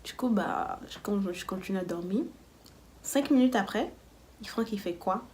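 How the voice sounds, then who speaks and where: A young adult woman telling a casual storytime vlog in a chatty, lively way with many fillers. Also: medium pitch, normal speed, slight background noise. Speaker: vlogger.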